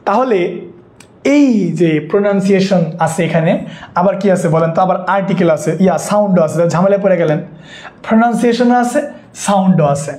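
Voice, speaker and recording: A man with a Bangladeshi Bengali accent and a high, darkish, reverberant voice teaches an online English grammar lesson for an exam course, speaking a little fast. He keeps checking that his students are following and repeats his points.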